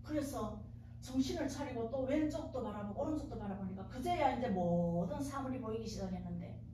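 A woman's voice: fairly high pitch, fairly quick, mellow, slight background noise. A middle-aged woman giving a testimony sermon at a revival meeting, telling her story dramatically and acting out dialogue. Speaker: guest speaker at a revival meeting. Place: church sanctuary. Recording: very echoey church hall, distant.

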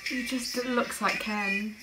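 A woman's voice: a little high, fairly even intonation, slow. A young woman hosting a casual reaction video in her bedroom, chatty and giggly, with music playing behind. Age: young adult. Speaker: vlogger host. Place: bedroom, indoors.

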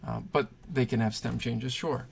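A man's voice: mid-range voice, steady tone, normal speed, gravelly, husky. A man teaching Spanish verb conjugations, patiently thinking aloud and pointing things out as he writes. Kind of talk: explaining grammar at a whiteboard.

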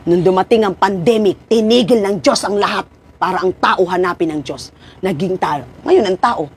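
A woman preaching a sermon with passion, swinging from loud cries to low, hushed tones. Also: normal speed, slightly rough.

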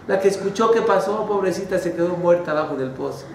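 A man's voice: high voice, quick pace, distant mic, noisy background. Middle-aged man preaching, echoey hall. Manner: animated storytelling full of diminutives. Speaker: religious speaker. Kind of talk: sermon with folksy stories.

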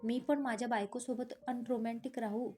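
A man's voice: very high-pitched, fairly even intonation, a little fast, a little mellow. A woman reading as a hot-tempered young husband. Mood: irritated. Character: young husband, quick-tempered but affectionate. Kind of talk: storybook reading.

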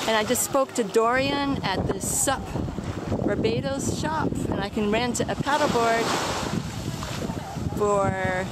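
A woman's voice: medium pitch, very noisy. A woman vlogging casually as she walks along a sunny beach, chatty and enthusiastic, pointing things out as she goes. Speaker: travel vlogger. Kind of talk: casual walking-tour narration. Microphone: handheld camera while walking. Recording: outdoor beach recording with loud waves. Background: loud surf and waves.

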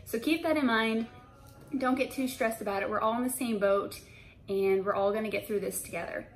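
A woman's voice: a little high, a little fast, low-quality recording. A young woman in her twenties, a hairstylist, chatting to camera in an empty salon, reassuring and full of fillers and restarts. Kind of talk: casual vlog talk to camera. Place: empty hair salon indoors.

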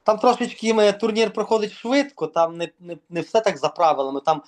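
A man from Ukraine, a volleyball organizer, talking casually in an interview and pausing often with fillers and restarts. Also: high-pitched, expressive. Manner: hesitant, many fillers and restarts.

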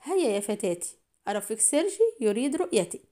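Brief: woman reading a taunting villain, mellow higher voice, storybook thriller. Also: very animated, fast. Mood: mocking. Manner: mocking, taunting. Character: sneering tall lean male villain agent.

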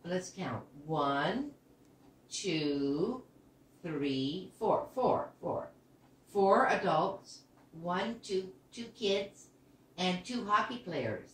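A woman's voice: fairly low pitch, animated, drawn-out words. A sweet older woman, a grandmother, talking playfully and encouragingly as she reads and counts with a toddler. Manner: sweet, playful baby-talk encouragement with gasps of wonder. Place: living room, indoors. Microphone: camera a few meters away. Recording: roomy, distant microphone, some background noise.

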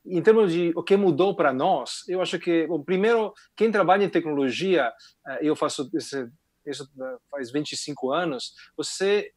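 A man's voice: a little high, moderate pace, darkish tone, no echo. A man from Italy speaking with an Italian accent, explaining his views as a panelist on a video call. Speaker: panelist, tech executive.

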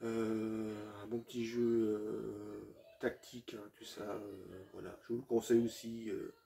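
Hesitant, mellow-voiced man. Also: lowish voice, flat delivery, measured pace, vocal fry. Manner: hesitant, many fillers and restarts, addresses viewers as friends. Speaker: video game collector presenting his collection. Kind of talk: casual collection showcase.

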